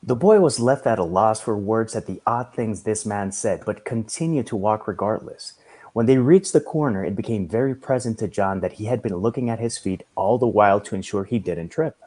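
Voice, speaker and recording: A man reading a story aloud in a measured storytelling manner. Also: fairly low pitch, dark tone. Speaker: reader.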